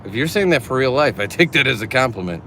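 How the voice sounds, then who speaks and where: A middle-aged man hosts a casual livestream from his car, reading viewer comments in a chatty, upbeat manner and laughing easily. His mid-range voice is fast, bright, and forceful with lively intonation, over slight background noise.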